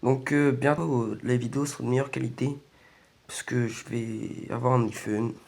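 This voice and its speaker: A man's voice: medium pitch, fairly even intonation, normal speed, a little mellow. A man casually commentating on a video game, his voice weak and congested from a sore throat. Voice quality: slightly croaky, strained by sore throat. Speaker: gaming video host.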